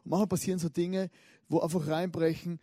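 Man, preacher, high voice, mellow tone, chatty sermon, lively storytelling, frequent restarts. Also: fairly quick, dry recording, studio quality. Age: adult, married. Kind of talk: conversational sermon.

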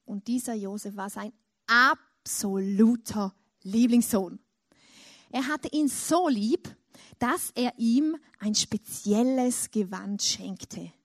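A woman's voice: medium pitch, darkish tone, no room sound, clean studio sound. A woman preaching a sermon and retelling a story, rising dramatically when she imagines a grieving father's cries.

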